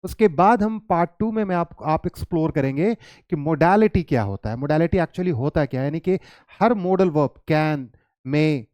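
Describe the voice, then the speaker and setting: An English teacher gives a classroom grammar lesson, mixing Hindi and English, reading English sentences slowly and asking and answering his own questions. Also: fairly high pitch, animated, a little mellow, dry recording. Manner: mixes Hindi and English, reads English lines slowly; addresses students as children, asks and answers his own questions.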